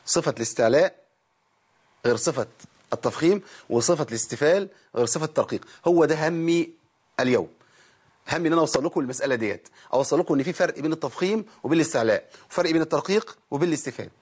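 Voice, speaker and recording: In a broadcast tajweed lesson, a weary man with an Egyptian Arabic accent walks viewers through Quran recitation step by step, modeling the sounds and asking them questions. He speaks very fast and expressively, with a fairly high, darkish and slightly rough voice.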